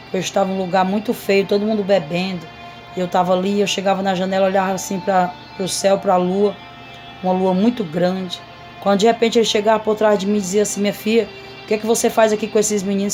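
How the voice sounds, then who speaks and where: A woman's voice: fairly low pitch, darkish tone. A woman missionary, giving an earnest, repetitive testimony to a congregation. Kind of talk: emotional testimony sermon.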